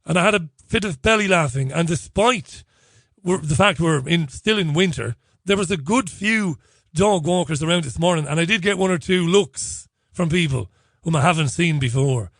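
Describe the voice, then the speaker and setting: Guy hosting talk radio, sarcastic rant, laughs a lot, kinda high voice, dead dry mic. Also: moderate pace, a bit bright, no echo. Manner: sardonic, laughs often, mock phone-call banter. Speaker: radio talk show host. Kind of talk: solo talk radio monologue.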